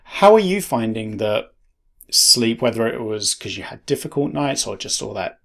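A man's voice: mid-range voice, big pitch swings, moderate pace, vocal fry. A man in casual conversation, explaining sleep struggles in a thoughtful way with rhetorical questions.

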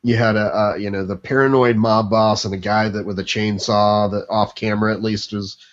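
Low-voiced man hosting a casual chat. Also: level tone, a little fast. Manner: rambling, many fillers and restarts. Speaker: podcast host. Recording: dull lo-fi sound.

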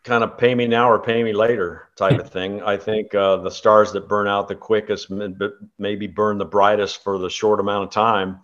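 A man's voice: on the low side, flat delivery, moderate pace, few pauses, fairly bright tone, muffled recording. A man in his sixties from California, a former tour golfer, chatting as an interview guest in a rambling, anecdotal way with many fillers. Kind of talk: casual interview chat.

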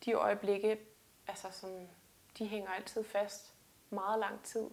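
A woman's voice: medium pitch, level tone, vocal fry. A woman weightlifter talking earnestly and reflectively in a casual interview, often restarting her sentences. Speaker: guest weightlifter.

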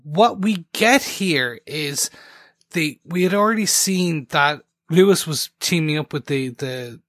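Man, podcast co-host, rambling, enthusiastic, slightly high voice, bright tone. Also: expressive, slow, no echo, studio quality. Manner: rambling, enthusiastic, self-interrupting. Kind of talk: casual TV recap chat.

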